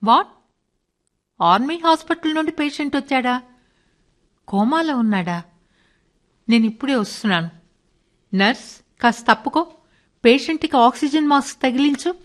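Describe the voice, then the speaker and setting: An anxious devoted doctor. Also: female voice, high voice, animated, unhurried, pauses often. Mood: urgent. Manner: emotional, pleading inner monologue. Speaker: radio drama actress. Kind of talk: radio play acting. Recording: music behind.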